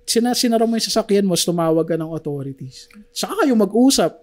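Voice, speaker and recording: A man's voice: sits high, expressive, fast. A man from the Philippines co-hosting a podcast, chatting casually and joking, often agreeing. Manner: chatty, frequent agreeing interjections and jokes. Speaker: podcast co-host. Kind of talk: casual chat.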